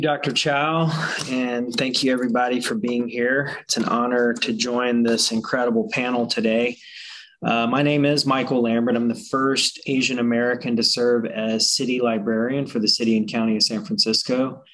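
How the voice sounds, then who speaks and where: Steady man telling his story. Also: mid-range voice, rough recording. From South Carolina, US. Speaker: city librarian, panelist. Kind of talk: panel introduction, personal story.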